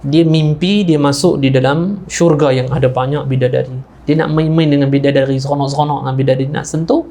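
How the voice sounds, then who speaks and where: A man preaching in a Malaysian Malay accent, telling a story in an animated way and acting out the people in it. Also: fairly quick. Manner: animated storyteller, acting out characters with raised pitch. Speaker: ustaz preacher. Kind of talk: sermon storytelling.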